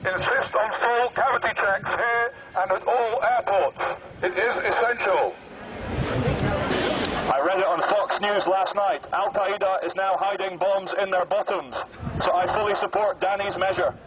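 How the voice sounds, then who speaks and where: A man speaking through a megaphone on a busy outdoor square, making formal, deadpan mock public announcements. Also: sits high, measured pace. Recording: muffled megaphone with street noise.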